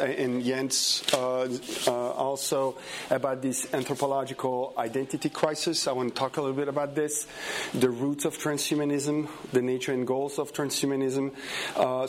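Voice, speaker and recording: A native French speaker with a French accent, a man with a medium-pitched voice, gives a conference lecture to a room in a church. He is hesitant, full of fillers, restarts and chatty asides, and there's a slight hiss or hum on the recording.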